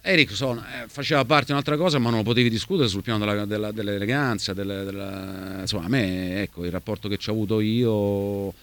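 A man's voice: fairly low pitch, fast talker, hardly any pauses, faint music behind. A man speaks. He talks emphatically and off the cuff, as in a talk show, repeating words and phrases to drive them home. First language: Italian. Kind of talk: unscripted talk show conversation.

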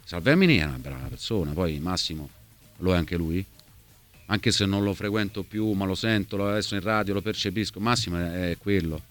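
Emphatic man with a lowish voice. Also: fairly quick, faint music behind. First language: Italian. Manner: emphatic, repeats words for stress. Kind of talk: unscripted talk show conversation.

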